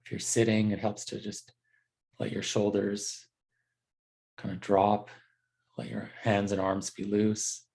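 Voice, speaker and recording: Here a male meditation teacher walks listeners through a body scan, gentle and slow, with frequent pauses and an improvised, halting flow. The voice is lowish and the delivery flat.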